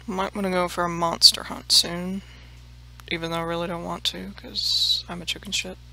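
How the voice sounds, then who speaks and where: A woman's voice: lowish voice, flat delivery, normal speed, creaky, pushed and bright. A woman hosting a let's play, chatting casually and mocking herself, swearing freely and dropping into murmured half-whispered asides. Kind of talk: casual gameplay commentary.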